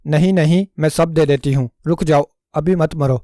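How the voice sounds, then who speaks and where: Flustered storybook young wife, anxious pleading, read by a man; a bit high, mellow. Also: steady tone, no room sound, clean studio sound, natural voice. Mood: panicked. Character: flustered naive young wife, easily frightened.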